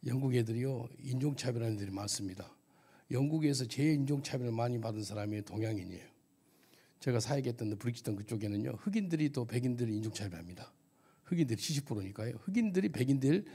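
A man's voice: mid-range voice, vocal fry, mellow, breathy edge. A missionary pastor giving a testimony sermon at a church service, telling his story vividly and asking the audience questions.

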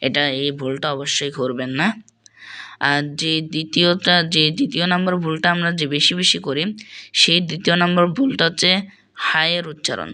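A man with a somewhat high, fairly quick voice, sharp yet clear and resonant, gives a tutorial on fixing common recitation and pronunciation mistakes. Addressing his audience as "respected viewers," he repeats every point several times.

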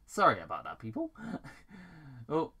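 Huge pitch swings mark this mid-range voice, which has a sharp tone and a breathy edge. The speaker is a British amateur reading fan fiction aloud in a halting way, stumbling over words, correcting themselves, and stopping to ad-lib.

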